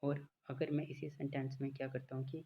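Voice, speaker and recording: A man gives a lecture in a flat, gravelly voice, pausing often with fillers and reading definitions very slowly. The recording is dull and lo-fi, with faint noise behind him. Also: mid-range voice. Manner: explains slowly with many fillers, reads English lines very slowly. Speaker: teacher. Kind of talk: classroom lecture.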